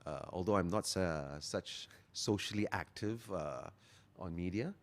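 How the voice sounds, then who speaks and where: A man, talking earnestly as a guest and slowing down to stress his key phrases. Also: sits low. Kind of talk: motivational interview talk.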